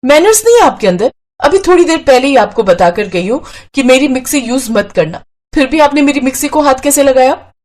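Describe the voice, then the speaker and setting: A woman voicing a hot-tempered young woman in a storybook, shrill and scolding. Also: natural voice. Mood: furious. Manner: shrill, scolding, fast when angry. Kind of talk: storybook character voice.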